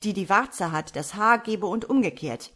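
Woman reading Mistifax, loud young peasant. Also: medium pitch, animated, moderate pace, husky. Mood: exclaiming. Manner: loud, exclaiming. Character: young male peasant, fretful, sly.

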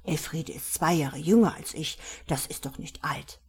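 A woman's voice: deep voice, moderate pace, breathy edge. Woman doing an indignant, blunt old lady. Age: older.

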